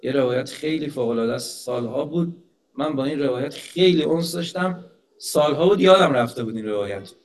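A man giving a conversational religious lecture who tells stories, asks rhetorical questions and slows down to recite scripture. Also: medium pitch, a little hiss or hum. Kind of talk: Persian religious lecture with storytelling.

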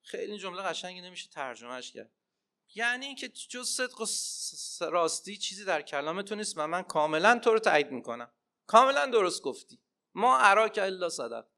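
A man preaching a religious sermon and telling stories, swinging between loud emphatic cries and hushed asides. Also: high-pitched, sing-song. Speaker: preacher and Arabic teacher.

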